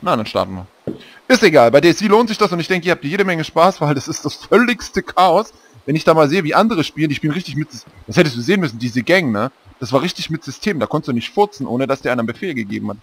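A man's voice: fairly high pitch, very animated, quick pace, slight background noise. A man hosting a survival game let's-play, chatting casually and rambling, often correcting himself mid-sentence. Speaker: gaming channel host.

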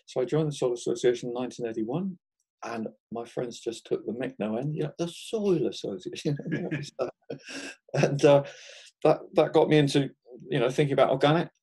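Relaxed, mellow-voiced older Englishman. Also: mid-range voice, slightly rough. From England. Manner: thoughtful, chuckling often, frequent restarts. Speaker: guest market gardener. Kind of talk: relaxed conversational interview.

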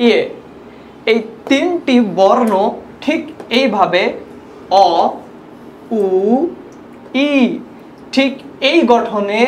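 A woman gives a patient, methodical language lesson, spelling out examples and repeating them for her viewers. Her voice sits at a middle pitch and carries a noticeable room echo, with a faint hum of ambient noise underneath. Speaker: Persian language teacher.

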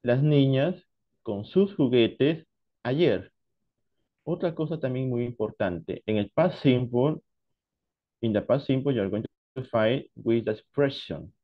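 Slow, deliberate male English teacher. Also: medium pitch, lo-fi sound. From Peru. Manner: slow, deliberate explanations mixing Spanish and English. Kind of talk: online class lesson.

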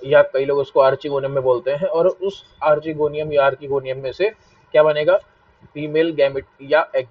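Male teacher with a Hindi accent, fairly high voice, quizzes and repeats, muffled distant mic, dry sound. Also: steady tone, measured pace, dry recording. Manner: repetitive, asks students questions and scolds them to stop fighting. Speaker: biology teacher. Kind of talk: live online class lecture. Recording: dull lo-fi mic, a bit distant.

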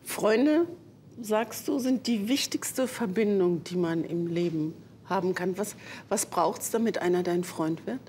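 A woman hosting a talk show, asking her guest calm, measured questions. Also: medium pitch, a little hiss or hum. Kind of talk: interviewing a guest.

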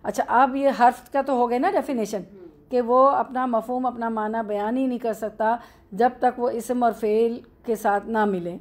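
Woman teacher going through a grammar lesson, urdu accent, bit high-pitched, keeps asking and answering her own questions. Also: fairly even intonation, normal speed, a little mellow.

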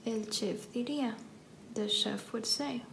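Slow, gravelly-voiced woman teaching English. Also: fairly high pitch, a little hiss or hum, low-quality recording. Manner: says each sentence in Spanish, then repeats it in English; slow, careful, soft-spoken delivery. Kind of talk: bilingual grammar lesson.

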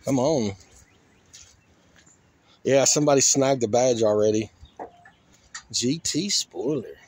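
Speaking slowly, a man with a medium-pitched, slightly mellow voice and a breathy edge hosts a car crushing vlog. He ambles around an outdoor junkyard, chatting colloquially and folksily, half to himself. Faint outdoor noise comes through the handheld camera audio, recorded by an operator behind a phone or camera.

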